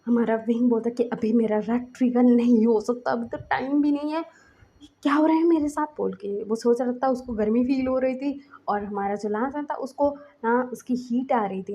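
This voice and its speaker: A woman's voice: fairly high pitch, warm tone. A woman narrating a fanfiction story in a chatty, casual way with lots of fillers.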